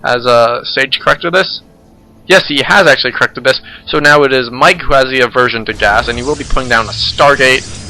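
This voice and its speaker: A man's voice: mid-range voice, brisk, pushed and bright, poor audio. A young man casually commentating a strategy game replay, joking and sarcastic.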